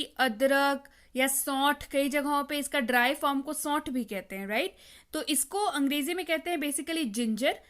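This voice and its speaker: Bright high-voiced woman teaching vocabulary. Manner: explains patiently, repeats words and quizzes the viewer. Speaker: English teacher. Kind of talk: vocabulary lesson.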